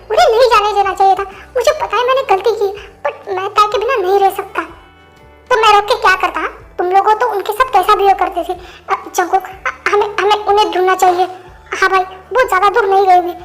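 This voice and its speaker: Very high-voiced woman narrating a fan story. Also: fairly bright tone. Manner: emotional, pleading delivery. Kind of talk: dubbed fan story reading, all roles.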